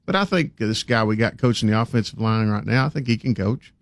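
A man's voice: fairly low pitch, animated, fairly quick, no room sound. Plain-spoken male sports talk host, dry sound. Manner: plain-spoken, folksy, opinionated. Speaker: sports talk show commentator.

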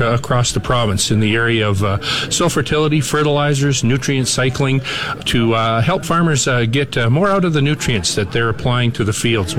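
A man's voice: medium pitch, fairly bright tone. A man giving an unscripted, hesitant interview answer as an agricultural researcher. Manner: halting, frequent hesitations. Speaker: agricultural researcher and extension worker.

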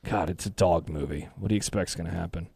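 A man co-hosting a casual sports podcast, animated as he reads listener messages. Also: low voice, fast talker, gravelly, slightly rough, no echo, clean studio sound. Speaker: podcast co-host.

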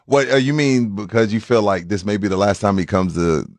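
A man's voice: on the low side, fairly even intonation, brisk, a little mellow, dry recording, clean studio sound. A man hosting a morning sports talk radio show, casual and opinionated, who repeats points for emphasis and takes listener calls. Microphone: studio mic.

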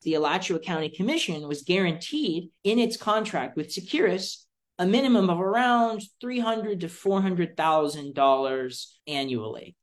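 This young adult man from Florida, United States, sounds high-pitched and expressive while answering interview questions as a student policy advocate. He explains things in an articulate, deliberate way, using emphatic phrasing.

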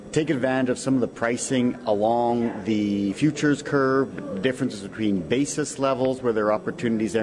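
A man explaining things conversationally as a financial advisor in a radio interview, thinking aloud with pauses. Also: medium pitch. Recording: crowd murmur in the background.

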